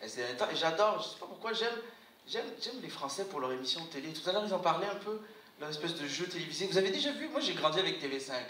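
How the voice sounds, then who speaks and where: A man from Algeria performing a stand-up comedy set at a live gala, playful and slipping into quick parody voices. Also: a little high, expressive. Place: live gala hall with audience. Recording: roomy hall, distant mic, loud noise. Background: audience laughter and ambience.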